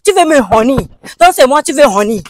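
Woman playing a shrill scolding village mother. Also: expressive, a little fast, a little hiss or hum, low-quality recording. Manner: emphatic, repeats questions insistently.

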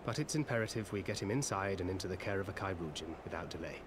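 Grim, blunt warrior. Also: male voice, low voice, lively intonation, fairly quick. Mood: stern. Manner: curt, firm delivery. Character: stern, weary warrior man, blunt and grim. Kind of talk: game cutscene voice acting.

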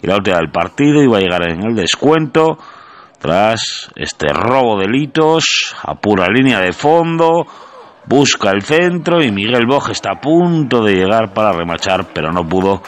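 A man from Asturias narrating football match highlights in a steady, explanatory, scripted voice-over. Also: normal speed.

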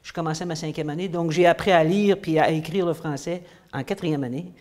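Indoors in a small room against a plain wall, a woman in her fifties answers interview questions with hesitation and frequent fillers. She teaches English, speaks with a Quebec French accent, grew up in the United States and then Quebec, and her voice is low, darkish, and fairly quick.

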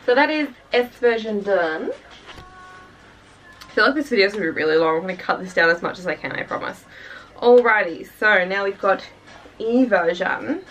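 A woman's voice: mid-range voice, expressive, normal speed, long pauses, a bit bright, recorded from a distance, lo-fi sound, a little hiss or hum. A young woman from Australia gushing and chatting casually while unboxing albums for her vlog, full of fillers and sighs. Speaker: K-pop reaction vlogger.

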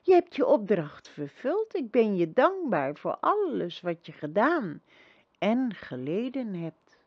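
A gentle young girl empress speaking softly and serenely, as a woman reading a storybook puts her on. Her slow, unhurried lines stay calm and kind. The recording is dry and a little muffled. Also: medium pitch, no room sound, exaggerated voice. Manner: soft, calm and reassuring.

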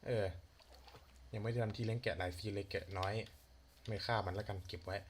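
A young man casually talking to himself while playing a game, chatty with quick exclamations and light swearing. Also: fairly low pitch, steady tone. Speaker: gaming channel host. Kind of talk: casual let's-play commentary. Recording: faint fan noise and key clicks. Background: computer fan hum and keyboard clicks.

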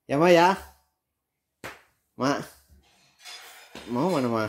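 A man's voice: a little high, animated, extremely slow, background noise. A man, a father playfully teasing his daughter in a casual family vlog, laughing often.

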